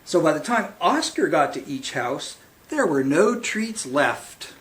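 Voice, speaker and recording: Guy reading a kids picture book out loud, slow and theatrical, voice goes up and down a lot. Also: fairly high pitch, sing-song. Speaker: children's librarian reading storytime. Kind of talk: animated picture-book read-aloud.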